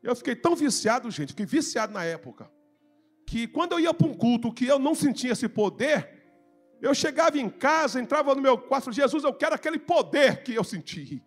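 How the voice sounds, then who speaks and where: A man from Brazil preaching a fervent Pentecostal sermon in church, telling his own testimony and rising into shouted exhortation. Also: extremely high pitch, sing-song, brisk, soft background music. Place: church service.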